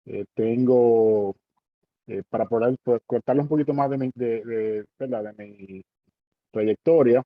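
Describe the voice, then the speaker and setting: Halting Dominican man, dry dull sound. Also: mid-range voice, no echo. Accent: Dominican Spanish. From Dominican Republic. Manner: halting, many fillers and tag questions. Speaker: guest speaker. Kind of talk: online panel talk.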